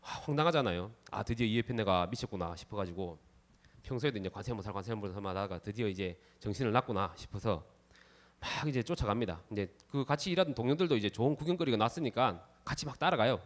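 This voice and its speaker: A man's voice: lowish voice, fast. A man, a Buddhist monk, telling a story during a sermon and acting out the people in it. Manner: lively storyteller, acts out the characters in the tale. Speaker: Buddhist monk giving a dharma talk.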